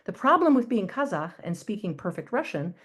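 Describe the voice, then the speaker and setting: A woman giving an academic lecture, measured and a little halting, with frequent ums and restarts. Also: medium pitch, very animated, breathy edge. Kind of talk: academic talk.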